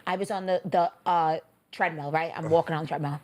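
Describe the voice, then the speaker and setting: A woman's voice: low-pitched, fairly even intonation, fairly quick, a little mellow. A woman co-hosting a podcast, telling stories in blunt, profane casual chat. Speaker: podcast co-host.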